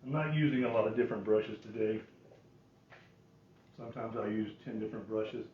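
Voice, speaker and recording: A man's voice: lowish voice, brisk, far from the mic. Older man muttering in a roomy space. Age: 60s. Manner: folksy, self-deprecating, muttering to himself. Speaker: painting demonstrator. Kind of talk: casual painting tutorial, talking while working. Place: small curtained indoor painting space. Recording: roomy, dull sound with faint noise.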